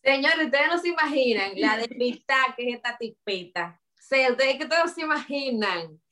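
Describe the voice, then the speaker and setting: High-voiced Dominican-accented woman host. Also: lively intonation, normal speed, sharp tone. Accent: Dominican Spanish. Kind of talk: casual chat.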